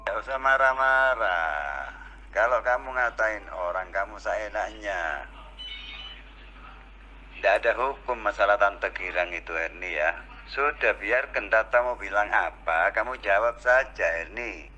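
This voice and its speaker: A man moderating an online voice-chat debate, calming participants and urging them to continue. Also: on the low side, a little slow. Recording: dull lo-fi line with faint noise.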